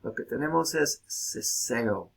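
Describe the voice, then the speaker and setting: Slow husky man giving a lecture. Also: medium pitch, animated. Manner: slow and deliberate, saying example words aloud. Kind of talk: recorded video lecture.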